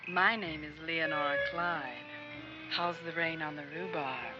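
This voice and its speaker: A woman's voice: sits low, a little slow. An actress playing a flirtatious, seductive woman in a 1960s comedy film. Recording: dull old film soundtrack, loud music.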